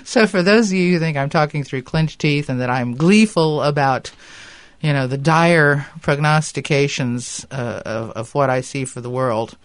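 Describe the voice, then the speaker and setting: A man presents a podcast in a somewhat high voice, recorded very dry. He explains earnestly and reads aloud, his articulation slightly impeded by a dental appliance. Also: normal speed, dry recording. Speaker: podcast host. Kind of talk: podcast talk with read-out quotes.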